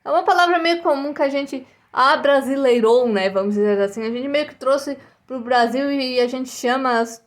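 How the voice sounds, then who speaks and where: A woman's voice: high-pitched, moderate pace, few pauses. A Brazilian woman teaching English to young children, patiently repeating each word and ending almost every phrase with a checking "tá?" or "né?". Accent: Brazilian Portuguese. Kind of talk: recorded online English lesson for first graders.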